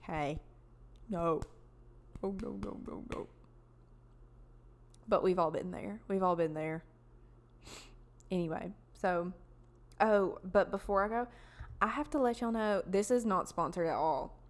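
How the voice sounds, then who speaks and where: A woman's voice: fairly low pitch, normal speed, pauses often. A young woman, hosting a casual solo podcast in a rambling, chatty way full of fillers. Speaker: podcast host.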